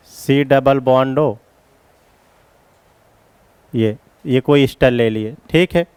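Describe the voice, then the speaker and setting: A man lectures on chemistry, walking his students through each step of a reaction and coaxing them to keep up. His voice sits fairly high for a man and comes through smooth and crisp. The sound is dry and close, with little room around it. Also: no echo. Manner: explains step by step, addresses students as children. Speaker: chemistry teacher. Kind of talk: classroom lecture at a board.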